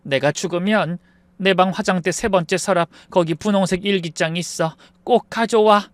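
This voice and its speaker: A man reads a frail, dying old woman of wealth in an audio story. She speaks softly and wearily, full of apology. The voice sits high and the sound is dry and close. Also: moderate pace, dry recording, close to an everyday voice. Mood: urgent, tender. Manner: soft, weary, apologetic speech. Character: dying elderly wealthy woman, gentle and remorseful.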